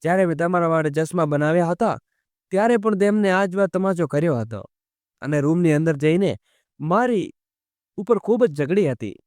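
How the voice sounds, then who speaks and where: A man's voice: fairly high pitch, lively intonation, moderate pace, a little mellow, no room sound, clean studio sound. A man narrating an emotional family story, reading every character's lines in his own storytelling voice. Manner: reads all the characters' lines in the same narrating voice. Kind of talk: scripted narration of a family drama.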